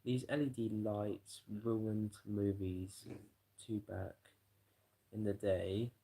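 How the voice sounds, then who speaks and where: A man's voice: fairly low pitch, little pitch movement, takes it slowly, gravelly, mellow, breathy edge, low-quality recording. A tired man rambling and swearing through a late-night live stream chat, yawning as he talks. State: exhausted. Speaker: livestreamer.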